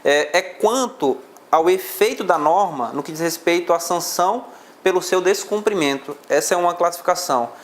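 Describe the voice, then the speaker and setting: A man's voice: sits high, animated, moderate pace. A male law teacher with a Brazilian Portuguese accent, lecturing a class on exam questions and explaining step by step.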